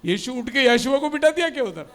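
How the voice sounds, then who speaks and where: A man preaching with a high-pitched voice. He tells stories to make his points and asks the congregation rhetorical questions. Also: sing-song, fast, sharp tone. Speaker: pastor. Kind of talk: sermon with humorous stories.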